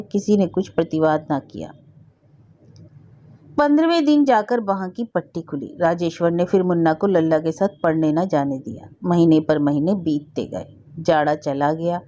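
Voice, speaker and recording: Brief: woman storyteller, low and mellow voice, expressive reading, dull lo-fi recording. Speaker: story narrator. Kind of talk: reading a Hindi short story aloud.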